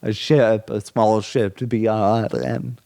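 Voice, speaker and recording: Rambling, excitable male podcast co-host. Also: fairly low pitch, slow. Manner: rambling, excitable, lots of restarts. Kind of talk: casual chat.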